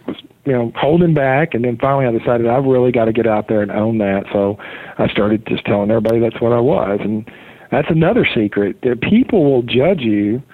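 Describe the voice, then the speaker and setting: A man's voice: medium pitch, a little fast, no echo. A man telling his business story earnestly in a casual interview, heard over a call line. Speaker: podcast guest, mortgage marketer. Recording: tinny phone-line audio.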